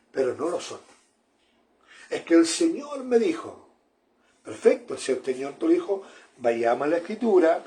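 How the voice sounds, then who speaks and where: A man's voice: fairly high pitch, mellow. A man, preaching a sermon in an earnest manner, often repeating phrases and calling his listeners brother.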